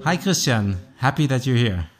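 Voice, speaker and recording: A man hosting a podcast, reading a measured, scripted introduction. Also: mid-range voice, big pitch swings, soft background music. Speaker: podcast host.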